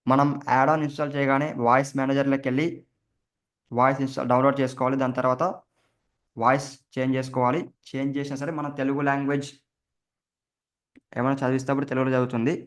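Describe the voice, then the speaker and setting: A man's voice: medium pitch, level tone, fast talker, long pauses. A man hosting a computer tutorial, explaining each keystroke as he presses it in a casual way. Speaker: tech tutorial host. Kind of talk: step-by-step screen recording tutorial.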